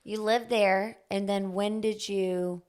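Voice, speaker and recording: A woman's voice: mid-range voice, fairly even intonation, takes it slowly, darkish tone. Bubbly woman podcast host. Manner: bubbly, playful, laughs often. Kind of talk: casual interview chat.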